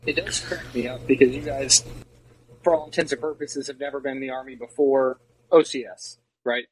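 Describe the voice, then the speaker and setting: A man's voice: mid-range voice, steady tone, fairly quick, slightly rough, dry recording, poor audio. A man talking as a podcast guest in casual chat, wry and self-mocking, swearing and laughing.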